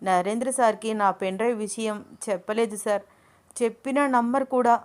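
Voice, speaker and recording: A woman voicing a playful, cheeky young female student who pleads and teases in quick bursts. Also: fairly high pitch, steady tone, darkish tone, natural voice. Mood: playful pleading. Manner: pleading, teasing, talks fast.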